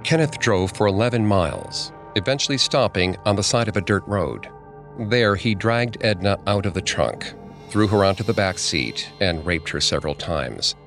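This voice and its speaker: A man narrating a scripted true-crime story in a steady, grave manner. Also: on the low side, moderate pace, faint music behind. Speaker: podcast narrator.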